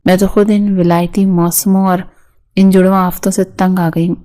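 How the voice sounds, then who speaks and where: A tired older aunt who grumbles with a joke, from a storybook, as a woman reads her. Her wry lines stay flat and level in a dark, mellow tone. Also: on the low side, natural voice.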